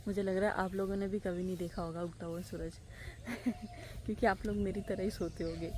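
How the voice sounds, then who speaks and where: A woman's voice: medium pitch, steady tone, brisk. Young woman, casual vlog chat, talks straight to viewers, faint background noise. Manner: chatty, addresses viewers directly. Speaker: vlogger.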